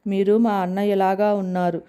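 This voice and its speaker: A woman's voice: mid-range voice, level tone, normal speed, mellow, clear, resonant tone, natural voice. A woman voicing a tearful young wife. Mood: upset.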